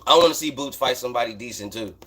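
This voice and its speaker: A man's voice: mid-range voice, rapid-fire, sharp tone, slightly rough. Blunt, slangy American man talking boxing. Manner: blunt, profane, emphatic slangy talk. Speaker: host of a boxing talk livestream. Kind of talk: casual unscripted sports commentary, answering chat.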